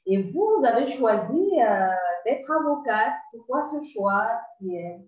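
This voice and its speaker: A woman hosting an interview, asking questions in a warm, encouraging way. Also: fairly high pitch, expressive, slow. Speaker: interview host. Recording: roomy and dull studio sound.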